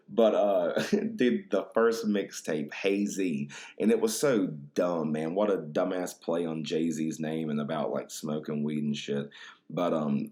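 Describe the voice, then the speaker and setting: A man with a very deep, low-pitched voice hosts his podcast in a loose, rambling chat. He talks in slang, swears freely and calls everyone dude and bro. He is a little tipsy from drinks. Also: a little mellow. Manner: laid-back, slangy and profane, full of "dude" and "bro". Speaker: podcast host.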